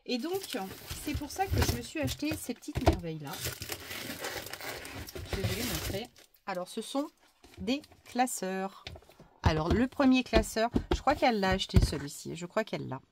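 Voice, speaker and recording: A woman talking casually through a crafting haul, chatty and hesitant with many fillers and restarts, often dropping into soft asides. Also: a little high, sing-song, moderate pace, pauses often, very noisy. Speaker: crafting vlogger.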